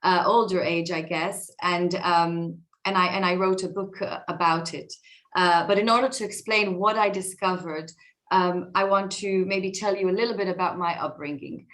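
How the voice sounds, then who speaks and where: On a video call from her home basement, a guest speaker in her forties with an Israeli accent reflects on her life, her voice a little hoarse from a cold. She talks at a normal speed in a lowish, fairly bright voice with fairly even intonation, using many fillers and restarts.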